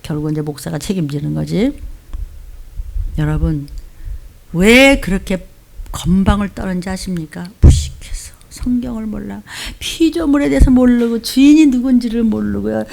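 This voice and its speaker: A woman pastor preaching a fiery, scolding sermon, swinging from loud outbursts to hushed whispers. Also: mid-range voice, normal speed, creaky. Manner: mimics churchgoers in mocking quoted voices.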